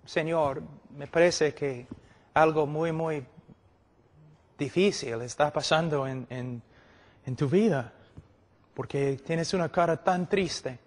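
The sermon comes in a fairly high voice, slow and full of pauses, from a middle-aged man teaching at a church conference. Emphatic and repetitive, he illustrates with stories for a seated crowd in a large indoor hall with heavy reverb.

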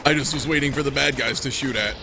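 A man casually commenting on his own gameplay, excitable, laughing often and swearing freely. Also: medium pitch, fast, gravelly, noisy background. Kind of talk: casual let's play chat.

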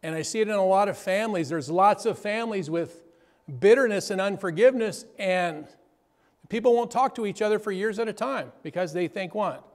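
A man's voice: sits high, a little fast. A man preaching a sermon to his church, often asking the crowd "amen?" and "right?". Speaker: pastor. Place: church hall. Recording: long hall reverb.

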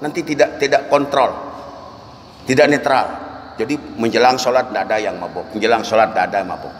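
Animated male preacher in echoey mosque. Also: mid-range voice, fairly quick. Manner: animated storytelling with chanted Quran verses. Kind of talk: dawn mosque lecture. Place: mosque hall. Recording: echoey hall, faint room noise.

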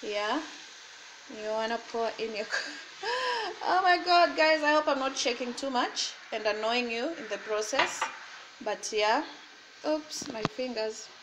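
Fairly high-pitched and a little slow, this woman pauses often, and there's background noise. In her thirties, she's a mother and cooking vlogger chatting cheerfully in her home kitchen, encouraging viewers and speaking about faith. A desk-distance laptop or phone camera picks up a roomy, slightly distant sound with faint ambience.

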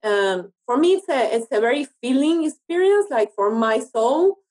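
With a high, slightly mellow voice and animated intonation, an Argentine woman talks at a moderate pace while being interviewed. She's an actress and TV producer, a native Spanish speaker who speaks casually and regularly struggles for words.

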